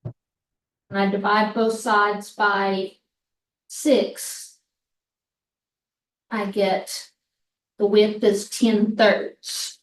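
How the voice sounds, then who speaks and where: A woman math instructor with a hoarse voice, explaining a problem slowly step by step in a recorded lecture. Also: mid-range voice, little pitch movement. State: hoarse, clearing throat. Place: classroom. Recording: echoey room, mic far off.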